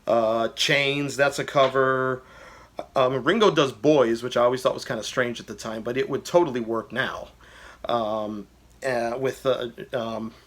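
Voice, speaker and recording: Rambling with excitement, an album-review vlogger talks casually about a record he loves, his mid-range voice a little bright. Fillers and restarts pile up, and now and then he sings a quick bit of a lyric as part of his laid-back music commentary.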